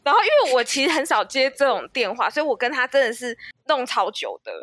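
Woman co-host, quick and animated, high bright voice that swings a lot. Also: dry recording, clean studio sound. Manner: animated storyteller, acts out both sides of a phone call. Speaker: podcast co-host. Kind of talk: casual chat.

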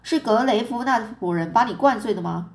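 A woman's voice: on the high side, lively intonation, brisk, natural voice. A stern, exasperated mother, as a woman reader puts her on. She speaks firmly and scolds. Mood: scolding.

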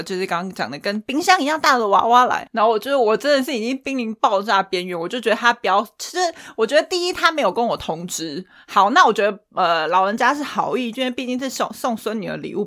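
Animated, fast-talking Taiwanese woman. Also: mid-range voice. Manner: animated storytelling, laughs often. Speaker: podcast co-host. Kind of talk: casual chat.

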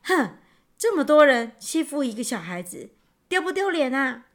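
A woman's voice: high voice, very animated, moderate pace, pitched above the performer's own voice. A woman voicing a bold, indignant swordsman in a told story, scolding a crowd.

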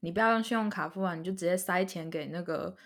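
Husky young woman chatting. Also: fairly low pitch, fast talker. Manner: exclaiming, reactive. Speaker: podcast co-host. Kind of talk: casual chat.

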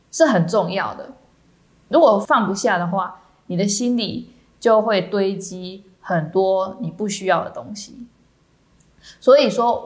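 A woman with a Taiwanese Mandarin accent, a Buddhist nun giving a dharma talk in a measured way with many soft fillers. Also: mid-range voice.

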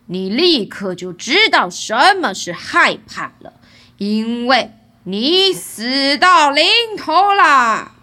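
A woman voicing a huge old bearded male demon who roars out drawn-out threats in a storybook tale. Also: sits high, sing-song, bright, forceful tone, exaggerated voice. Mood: menacing.

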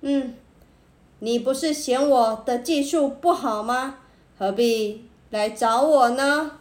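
A woman's voice: high voice, animated, takes it slowly, roomy sound. A woman voicing a resentful, scheming village barber who speaks coldly and sulkily, in a storybook reading. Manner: sulky, cold.

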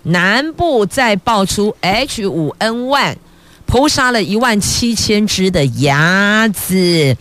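A woman's voice: on the low side, no echo. A middle-aged woman with a Taiwanese Mandarin accent, a radio news host reading headlines and adding chatty, playful asides to listeners.

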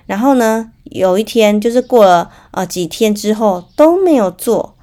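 A woman's voice: mid-range voice, lively intonation, moderate pace, dark tone. A woman hosting a parenting podcast, telling a story in a chatty way with lots of fillers, speaking with a Taiwanese Mandarin accent. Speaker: podcast host.

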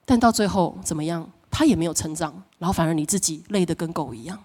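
A middle-aged woman pastor preaching a sermon, telling stories with lively acted-out voices and frequent laughter. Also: on the low side, fast. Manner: animated storytelling, acts out quoted voices, laughs often.

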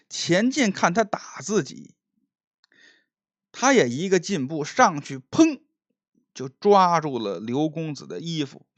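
A man tells a traditional story. He speaks slowly and lets his pitch rise and fall widely, with chatty asides to his listeners. The recording is close and dry. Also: no room sound.

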